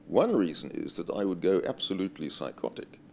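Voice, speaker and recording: A man's voice: low-pitched, big pitch swings, fairly quick, vocal fry, a little mellow, slight background noise. An older man, a retired university invigilator, telling dry, self-deprecating stories in an interview.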